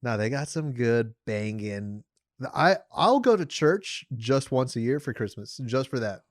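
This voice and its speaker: Laughing, swearing young podcast host. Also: male voice, mid-range voice, lively intonation, measured pace, no room sound, clean studio sound. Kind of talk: casual chat. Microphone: podcast studio mic.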